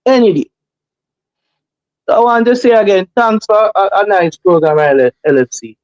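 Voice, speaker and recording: High-pitched Jamaican man, emphatic and opinionated. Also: lively intonation, moderate pace, darkish tone, no room sound, dull audio. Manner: emphatic, repeats phrases for effect. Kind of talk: opinionated casual talk.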